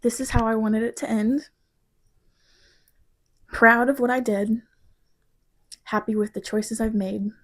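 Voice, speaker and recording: A woman in her twenties, a design student from Missouri, talking about her project in a reflective vlog, halting and emotional at times. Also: on the high side, fairly even intonation, a bit bright.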